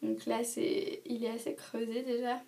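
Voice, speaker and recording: A woman's voice: a little high, flat delivery, a little slow, gravelly, mellow, far from the mic. Young woman chatting about beauty products. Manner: hesitant, many fillers and restarts. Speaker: beauty vlogger. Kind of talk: casual product review.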